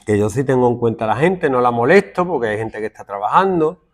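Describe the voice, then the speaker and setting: A man's voice: mid-range voice, quick pace. A male secondary school teacher with a Spanish accent from Spain, lecturing his class and mimicking his students' complaints. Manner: lively, lecturing, acts out students' complaints in mocking voices.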